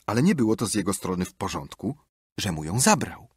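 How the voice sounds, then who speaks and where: A man narrating an audiobook with expressive, lively storytelling. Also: lowish voice, brisk, slightly rough, no echo, studio quality. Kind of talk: scripted narration.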